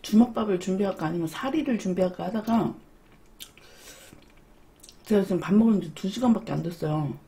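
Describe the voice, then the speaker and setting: A woman's voice: mid-range voice, fairly quick, long pauses, mellow. A woman hosting an eating show, chatting casually to viewers with her mouth partly full. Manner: chatty, talking to viewers between bites. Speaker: mukbang host.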